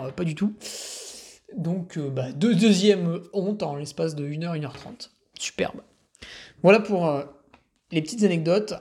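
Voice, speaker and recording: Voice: mid-range voice, a little mellow. A trail race announcer telling casual, rambling anecdotes with self-mocking asides.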